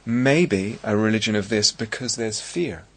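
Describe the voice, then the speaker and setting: A middle-aged man with an English accent giving a dharma talk as a meditation teacher, speaking in a reflective, halting way with many restarts. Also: fairly low pitch. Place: meditation hall at a retreat centre.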